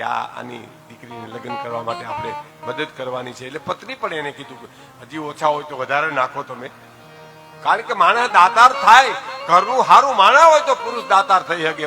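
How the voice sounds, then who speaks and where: An older man from telling a folk tale, addressing his listeners directly and swinging between soft asides and loud exclamations. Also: a little high. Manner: lively storyteller, often addresses listeners as "saheb". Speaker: folk storyteller.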